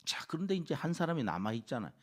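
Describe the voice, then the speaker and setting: A male pastor giving an early-morning sermon in a church, lively and acting out what others say. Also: a little high, racing. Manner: lively, acts out quoted speakers. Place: church sanctuary.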